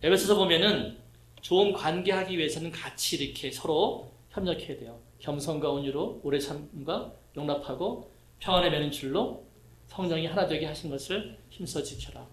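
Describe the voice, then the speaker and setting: A middle-aged man preaching a conversational sermon, telling lively personal stories, acting out voices and asking the congregation questions. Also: a little high, normal speed, echoey room. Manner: lively storytelling, acts out quoted voices, asks the congregation questions. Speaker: pastor.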